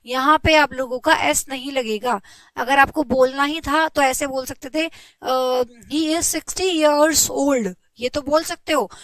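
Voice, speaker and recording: A young woman teaching a grammar lesson in a high, clear voice. She explains patiently, keeps checking that her students follow, and slows right down to dictate example sentences. The sound is dry and close. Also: a bit bright, no room sound, poor audio. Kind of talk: online class lecture.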